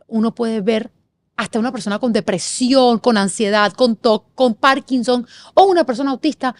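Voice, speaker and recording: A middle-aged woman from Panama, a guest in an interview, telling a personal story with expressive, animated delivery and quick lists. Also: medium pitch. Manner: expressive, animated, lists things in rapid series.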